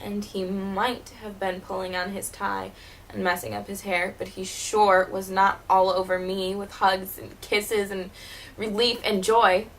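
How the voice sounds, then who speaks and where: A woman playing a wounded, wry teenage girl who was once a child stage performer, delivering a dramatic monologue in a bitter, halting way. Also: medium pitch, little pitch movement, slight background noise, natural voice, low-quality recording. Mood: hurt, bitter. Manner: bitter, hurt, halting with repeated words.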